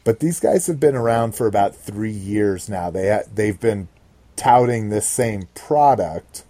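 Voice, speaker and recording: A male podcast host with a low, dark voice and an unhurried pace. He rambles casually about his hobby and swears freely. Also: animated, no room sound.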